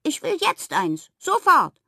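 A woman voicing a small, childlike cuddly toy pig in a storybook, squeaky and demanding. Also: huge pitch swings, slow, pushed and bright, no room sound, studio quality, heavily acted. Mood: whiny.

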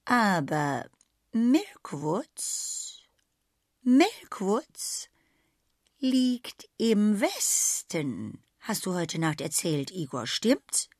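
A woman's voice: on the low side, a little slow, few pauses, husky, no room sound, studio quality. A woman voicing a small, clever female animal who speaks in a playful, cheeky way. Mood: sly. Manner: playful, hissing.

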